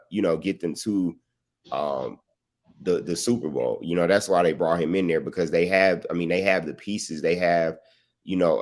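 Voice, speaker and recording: A man hosting a casual sports talk show, asking long rambling questions full of fillers. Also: low-pitched.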